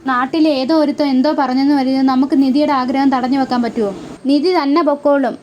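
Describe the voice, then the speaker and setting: A woman's voice: high-pitched, fairly even intonation, fast, a little mellow, a little hiss or hum, natural voice. A woman doing a persuasive wife. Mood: pleading. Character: supportive wife pleading with her husband.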